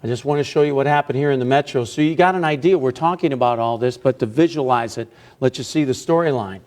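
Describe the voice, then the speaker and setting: A man's voice: medium pitch, fast talker, a little mellow. A man working as a TV meteorologist, giving live radar commentary in short, emphatic phrases. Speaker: chief TV meteorologist.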